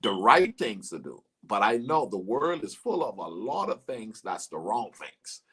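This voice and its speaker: A man from the Bahamas hosts a livestream interview with a slightly husky voice. He tells stories with animated energy and calls out to the viewers watching. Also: fairly low pitch, measured pace. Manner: animated storyteller, talks to viewers. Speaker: host.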